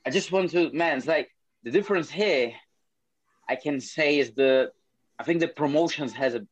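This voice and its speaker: A young Brazilian MMA fighter speaks English as a second language with a Brazilian Portuguese accent in a casual interview, often repeating words and swearing casually. His voice runs on the high side at a moderate pace; the audio is dull, with no echo.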